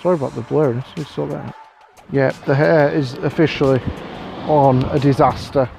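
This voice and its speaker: An English vlogger in his thirties walks outdoors past fields, filming himself on his phone for a casual, rambling vlog. His medium-pitched voice is steady and brisk, with vocal fry and some background noise. He rants bluntly and swears a lot, slipping into sarcastic put-on voices.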